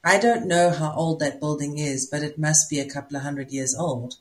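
A woman with a South African accent, speaking reflectively as a spiritual teacher in casual conversation, often pausing to find her words. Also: deep voice, steady tone.

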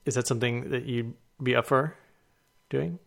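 A man's voice: medium pitch, moderate pace, vocal fry. A man hosting a casual conversation, chatty and laid-back. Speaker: host.

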